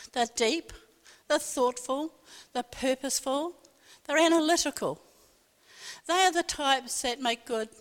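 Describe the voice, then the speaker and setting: A woman telling a humorous personal anecdote in a talk, a lively storyteller who acts out the dialogue. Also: on the high side, big-room sound.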